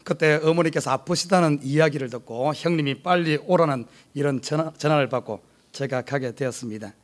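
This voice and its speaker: Fairly quick and a little high in pitch, a middle-aged South Korean pastor speaking with a Gyeongsang accent turns a personal story into humor during his sermon. He's lively and animated, standing in a church sanctuary.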